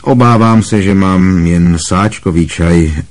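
A man reading as a calm, wry wizard teacher. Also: deep voice, lightly acted. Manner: calm, gently amused. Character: kind, wry middle-aged male wizard teacher.

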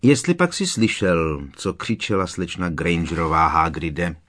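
A man voicing a kindly, gentle old wizard headmaster who speaks slowly with quiet amusement. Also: deep voice, expressive. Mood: genial.

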